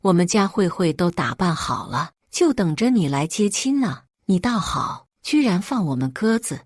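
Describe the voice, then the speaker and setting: A woman voicing a middle-aged mother who angrily scolds her daughter's groom, shrill and accusing. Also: big pitch swings, moderate pace, dry recording. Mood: indignant.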